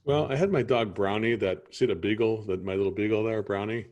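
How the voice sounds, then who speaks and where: A man's voice: fairly low pitch, brisk, darkish tone, highs cut off. A man playing a homeowner customer in an improvised sales training role-play, rambling and often asking if you see what he's saying.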